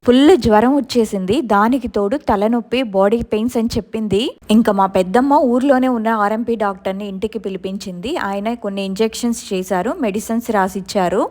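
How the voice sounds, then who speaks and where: A woman's voice: medium pitch, brisk, a little mellow. A woman steadily telling a true ghost story in the first person.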